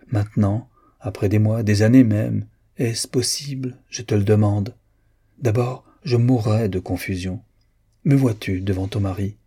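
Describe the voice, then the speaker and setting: A man reading an audiobook and voicing a proud, wary young woman in a slightly raised, measured tone. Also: on the low side, mellow, slightly rough.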